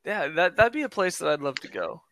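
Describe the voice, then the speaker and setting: A young man chatting as a podcast guest, easygoing and quick to laugh. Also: a little high, sing-song, a bit bright, no echo. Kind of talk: casual chat.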